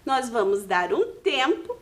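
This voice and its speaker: A woman's voice: fairly high pitch, big pitch swings, a little slow, fairly bright tone, echoey room. A Brazilian woman teaching a video lesson to young children, patient and sing-song as she explains. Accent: Brazilian Portuguese. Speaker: primary school teacher.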